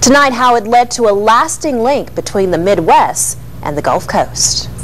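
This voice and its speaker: A woman anchoring the news with a lively, rising and falling delivery. She sounds measured, and a faint hum sits behind her. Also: a little high, low-quality recording.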